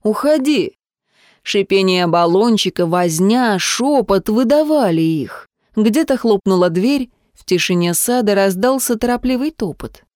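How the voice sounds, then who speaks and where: A woman reading a story aloud as an audiobook narrator, in a tense, measured manner. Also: mid-range voice, expressive, darkish tone, no echo, clean studio sound. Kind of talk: scripted narration.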